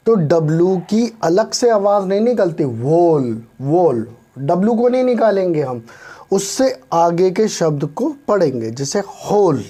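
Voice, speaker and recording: Male language tutor, unhurried delivery, spells out each word letter by letter, warm and friendly with his audience. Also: high voice. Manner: spells words letter by letter, often addresses listeners as friends. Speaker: English teacher. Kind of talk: spoken language lesson.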